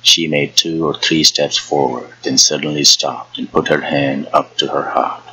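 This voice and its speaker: Very deep, slow male storyteller. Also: steady tone, bright, forceful tone, slight background noise, rough recording. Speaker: narrator. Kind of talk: storybook reading.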